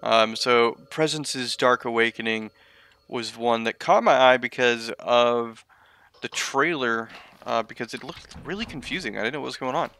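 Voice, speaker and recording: Bright-voiced man doing casual game commentary. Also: medium pitch, moderate pace. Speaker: gaming video commentator.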